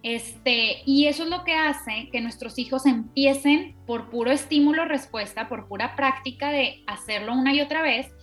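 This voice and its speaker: A woman co-hosting a parenting chat, explaining calmly and steadily with plenty of examples. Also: high voice, moderate pace, hardly any pauses, faint music behind. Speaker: parenting podcast co-host.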